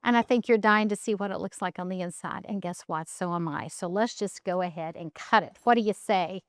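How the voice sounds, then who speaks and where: Woman doing a cooking demo at home, smooth clear voice, chatty, thinks out loud, dry close sound. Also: fairly low pitch, a little fast, no room sound. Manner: chatty, thinks aloud while working. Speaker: cooking show host. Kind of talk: casual cooking demonstration.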